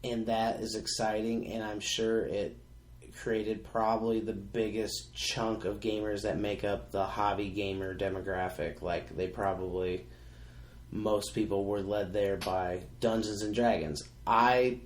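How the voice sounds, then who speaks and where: A man in his thirties co-hosts a casual podcast chat, rambling enthusiastically with many fillers. His voice is lowish, a little slow and flat in delivery, with slight background noise and a roomy echo.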